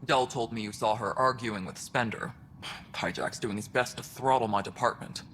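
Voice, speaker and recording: A man voices a blunt engineering chief in a video game who speaks firmly and to the point. His pitch sits in a middle range, with faint noise behind the voice. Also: normal speed, close to an everyday voice.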